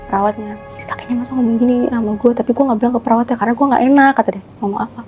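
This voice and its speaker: A woman telling a ghost story in casual chat, animated and acting out the voices of the people in it. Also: fairly high pitch, racing, lo-fi sound, soft background music. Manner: animated, acts out quoted voices, keeps saying "gitu". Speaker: guest telling ghost stories.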